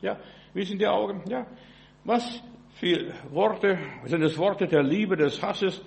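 A man giving a sermon in a folksy, halting way, often asking "verstehst du" and restarting words. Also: high voice, gravelly, a little mellow. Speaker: preacher.

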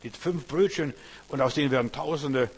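A man preaching a sermon, emphatic and repetitive, swinging between loud and hushed passages. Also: medium pitch, moderate pace, slightly rough. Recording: long reverb with faint hum.

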